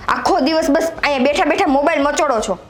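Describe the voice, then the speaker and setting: Woman playing a high-voiced, fed-up young daughter-in-law. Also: fast, close to an everyday voice. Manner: complaining, sharp-tongued. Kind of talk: family drama acting.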